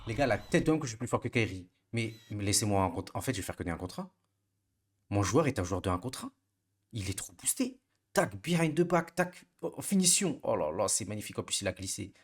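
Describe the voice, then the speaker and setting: A man's voice: lowish voice, slight background noise. Boastful young man commentating his game. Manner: boastful, excitable, slangy trash talk to viewers. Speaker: gaming streamer. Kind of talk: casual gameplay commentary.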